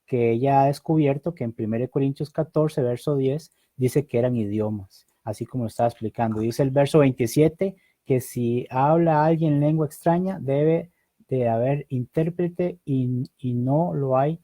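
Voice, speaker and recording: A man co-hosting a Bible discussion, speaking in a measured way and reading out viewer messages. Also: medium pitch, warm tone, no room sound. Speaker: co-host.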